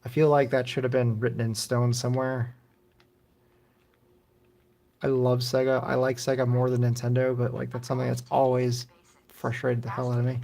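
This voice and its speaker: A middle-aged man streaming old console games live, chatting in a loose, rambling way with casual swearing. His voice has a gravelly edge of vocal fry. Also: medium pitch, completely flat delivery, normal speed, pauses often, warm tone. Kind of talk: casual gaming commentary.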